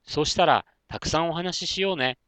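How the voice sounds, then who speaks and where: A man's voice: medium pitch, lively intonation, a little fast, a bit bright, dry recording, lightly acted. A man voicing a kind, eager young boy in a children's story.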